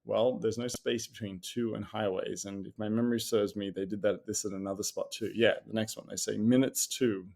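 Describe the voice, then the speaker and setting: A man's voice: lowish voice, flat delivery, fairly quick, creaky, few pauses, a little mellow. A man with an Australian accent gives a casual, wry critique of property listings, full of sarcastic asides and fillers. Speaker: real estate commentator.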